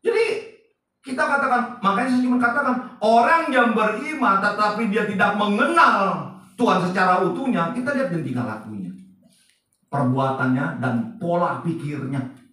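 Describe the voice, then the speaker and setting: A man preaching a sermon as pastor, lively and casual, asking the congregation questions as he goes. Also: high voice, normal speed, heavy reverb, far from the mic, low-quality recording. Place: church service.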